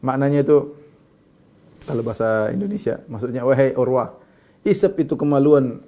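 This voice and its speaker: A male preacher giving a religious lecture, reciting Arabic passages and then explaining them in casual, animated storytelling. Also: medium pitch, normal speed. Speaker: Islamic preacher.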